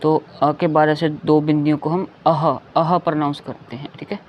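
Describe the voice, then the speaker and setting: A man's voice: on the high side, little pitch movement, normal speed. A man teaching a lesson, patiently repeating each sound and often checking that listeners follow. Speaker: Hindi teacher. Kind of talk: slow explanatory lesson. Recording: dull lo-fi recording with faint background noise.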